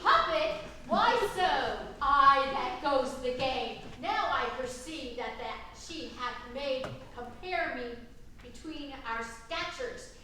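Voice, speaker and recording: Woman acting a high-voiced, fierce, jilted Hermia. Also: lively intonation, slow pace, sharp tone, heavily acted. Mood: furious. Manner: theatrical, indignant, projected stage delivery. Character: small, fierce, jilted young Athenian woman. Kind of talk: staged reading of Shakespearean comedy. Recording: echoey room from far off, faint noise.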